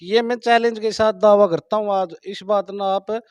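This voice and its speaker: A man's voice: high voice, steady tone, normal speed, darkish tone, clear, resonant tone, no echo. A man from Haryana, answering a street political interview in an emphatic, insistent way. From Haryana, India. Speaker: villager interviewed about an election.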